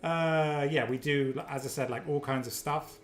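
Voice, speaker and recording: A man runs a casual livestream product demo, chatty and quick to joke. His voice sits fairly high. The room around him rings with a noticeable echo. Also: steady tone. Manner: joking, chatty, upbeat. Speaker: company presenter on a livestream. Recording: roomy echo.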